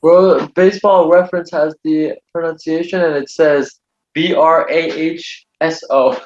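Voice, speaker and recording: Podcast guy, teasing and wry, kinda high voice, echoey dull sound. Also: steady tone, unhurried, a little mellow. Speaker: podcast co-host. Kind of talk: casual chat. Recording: roomy and dull.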